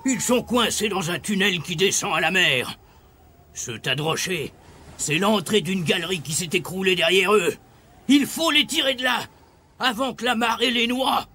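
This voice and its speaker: A man voicing a gruff, grumpy old grandfather bogeyman in a storybook reading, scolding and sneering. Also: sits high, moderate pace, bright, forceful tone, slight background noise, voice pushed up. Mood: urgent.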